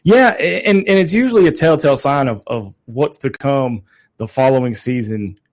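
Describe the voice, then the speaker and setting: A man around forty joins a radio talk show in the studio as a sports guest. His voice sits at an ordinary middle pitch, and he talks in a loose, easygoing way, tripping over a word now and then. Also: moderate pace, a little mellow. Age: 40s. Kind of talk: casual radio chat.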